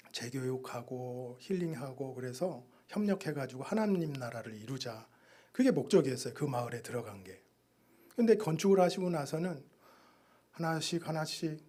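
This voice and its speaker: A man giving a missionary's sermon testimony in a church, telling his story with sudden loud and soft turns. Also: medium pitch. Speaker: missionary preacher.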